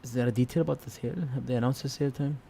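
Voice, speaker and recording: A man's voice: mid-range voice, steady tone, rapid-fire, dark tone. A man hosting a casual live stream, thinking aloud in a hesitant, unscripted way. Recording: clear background noise.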